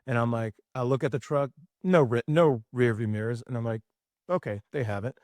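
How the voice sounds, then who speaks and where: A man's voice: mid-range voice, a little fast, no echo, studio quality. A young man, a former military mechanic, telling stories in casual podcast chat, swearing freely. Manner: profane, animated storytelling.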